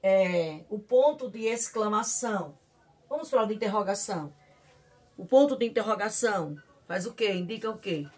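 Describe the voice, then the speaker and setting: Brazilian woman teacher, slow and deliberate. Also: medium pitch, lively intonation, darkish tone, husky. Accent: Brazilian Portuguese. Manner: slow, drawn-out dictation with frequent checking questions. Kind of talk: recorded video lesson on punctuation.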